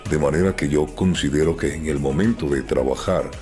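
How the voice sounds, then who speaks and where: Interviewee, very deep male voice, measured and thoughtful, light music bed. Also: darkish tone. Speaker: dubbing professional. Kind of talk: interview answer.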